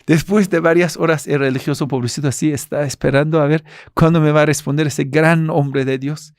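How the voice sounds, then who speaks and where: A Persian-accented man from Iran teaching a religious lesson in storytelling form. He leans on repetition to drive points home, his voice a bit high for a man. The sound is close and dry, with no room around it. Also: steady tone, a little fast, a little mellow, dry recording. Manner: earnest, repetitive emphasis with fillers.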